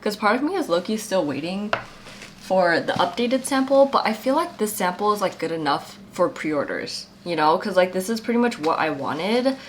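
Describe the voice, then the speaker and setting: A young woman in her twenties chatting casually in a vlog voice-over, still husky with her morning voice, upbeat and full of fillers. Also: mid-range voice, animated, moderate pace, a little hiss or hum. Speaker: vlogger and small shop owner.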